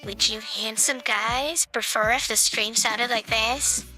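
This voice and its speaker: A man's voice: extremely high pitch, fairly even intonation, takes it slowly, sharp tone, soft background music, voice pushed up, heavily acted. A man through a girl-voice changer filter. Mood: coy. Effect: voice changer turning his voice into a girl's voice. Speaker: game streamer. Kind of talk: teasing livestream chat.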